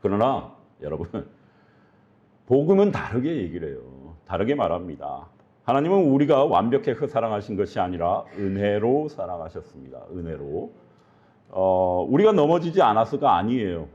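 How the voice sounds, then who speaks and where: A man's voice: on the low side, very animated, normal speed, darkish tone, highs cut off. A male pastor preaching earnestly, often putting questions to his congregation. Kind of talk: sermon.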